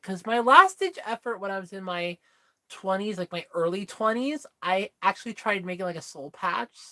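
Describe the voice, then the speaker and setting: On a livestream, a woman in her thirties chats candidly with viewers, telling a personal story in a rambling way packed with fillers. Her voice is medium in pitch, pushed and bright.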